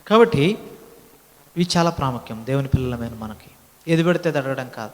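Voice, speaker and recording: A man's voice: medium pitch, lively intonation, fairly quick. A man preaching a sermon at a prayer meeting, swelling into emphatic lines and asking the listeners questions. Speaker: pastor. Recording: long hall reverb.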